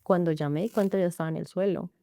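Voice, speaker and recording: A woman's voice: lowish voice, steady tone, fast, dark tone, no room sound. A woman with a Colombian accent earnestly recounting her own story in an interview, speaking in long run-on sentences and often quoting what others said. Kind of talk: emotional personal testimony in an interview.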